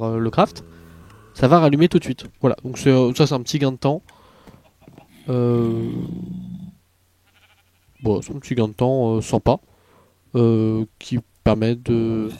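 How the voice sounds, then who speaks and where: A man's voice: medium pitch, warm tone, dry recording. A tired man narrating a game tutorial in a casual, rambling way, full of hesitations and asides. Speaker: Minecraft tutorial youtuber.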